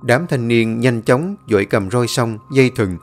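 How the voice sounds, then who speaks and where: A man reading a dramatic story aloud as a storyteller, in a measured, dramatic manner. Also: mid-range voice, animated, faint music behind. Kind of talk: scripted story narration.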